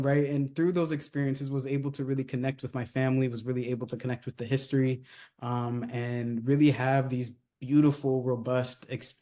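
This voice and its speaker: Casual man presenting with mellow tone. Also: medium pitch. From California, United States. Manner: conversational, many fillers, tags sentences with "right?". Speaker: company CEO presenting a retreat. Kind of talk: casual presentation, video overview.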